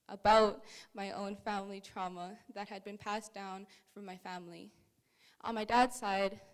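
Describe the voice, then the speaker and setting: Smooth-voiced young woman reading her story. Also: medium pitch, poor audio. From Canada. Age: young adult. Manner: earnest, measured, heartfelt. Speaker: speaker at a museum talk. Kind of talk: reading a prepared personal story.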